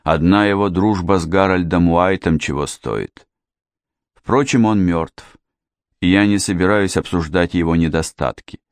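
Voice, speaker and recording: A male narrator voicing a theatrical, self-pitying widow who talks in a slow, wailing way. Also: low-pitched, clear, resonant tone, no room sound. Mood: bitter.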